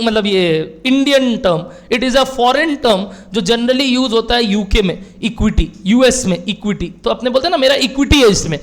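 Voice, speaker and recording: A man's voice: sits high, gravelly, a bit bright. A man teaching a classroom lecture in a playful way, firing questions at the class and answering them himself. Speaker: commerce teacher.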